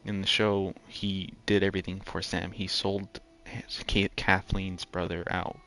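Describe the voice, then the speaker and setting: Deep gravelly young man musing. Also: level tone, measured pace, bright, forceful tone, a little hiss or hum. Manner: musing, restarts sentences often. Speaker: gamer comparing game and show. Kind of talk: casual playthrough commentary.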